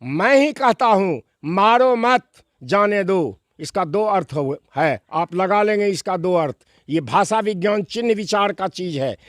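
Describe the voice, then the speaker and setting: A man's voice: sits high, animated, normal speed, hardly any pauses, dry recording, clean studio sound. A man, answering interview questions in an emphatic, preacherly way with rhetorical questions and quoted verses. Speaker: interviewee, scripture expounder.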